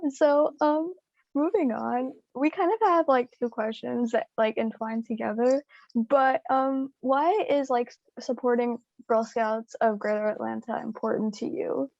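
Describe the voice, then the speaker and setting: Young woman, highish creaky voice, hesitant. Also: unhurried, darkish tone, no room sound, highs cut off. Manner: hesitant, casual, frequent "like". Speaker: interviewer. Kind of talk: informal interview.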